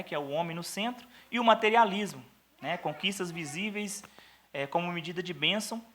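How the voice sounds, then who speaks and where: Brazilian male seminary teacher, high-pitched, talks in a chatty, teasing way to his class. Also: bright, forceful tone. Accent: Brazilian Portuguese. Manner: informal, addresses the audience as brothers; mocking asides with frequent tag questions. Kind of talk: church teaching talk.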